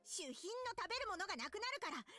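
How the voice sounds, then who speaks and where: Tomboy older-sister catgirl for an anime game, blunt, scolding, bright forceful tone. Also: very high-pitched, big pitch swings, very fast, faint music behind, exaggerated voice. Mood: stern, scolding. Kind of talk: anime visual novel acting.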